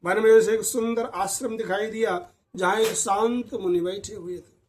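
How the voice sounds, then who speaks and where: A male storyteller narrating a devotional tale in a reverent, measured way. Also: sits high, steady tone, a little mellow, a little hiss or hum, low-quality recording.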